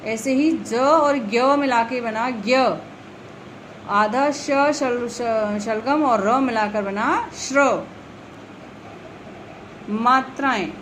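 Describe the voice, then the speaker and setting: Slow, patient woman teaching children. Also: a little high, fairly bright tone, slight background noise, poor audio. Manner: slow, patient, repeats letters and example words. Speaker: primary school teacher. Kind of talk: explaining Hindi grammar to young children.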